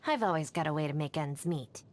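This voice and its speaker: A low-pitched female voice, near to ordinary speech, brings a young gang deputy to life in video game lines. The character is capable and no-nonsense, and the actress keeps her tone dry, self-assured, composed, brisk and matter-of-fact.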